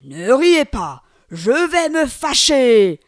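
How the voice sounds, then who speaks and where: A woman voicing a huge, greedy male monster spirit in a storybook reading, speaking loud and slow. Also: very animated, exaggerated voice. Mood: booming. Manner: booming, slow and drawn out.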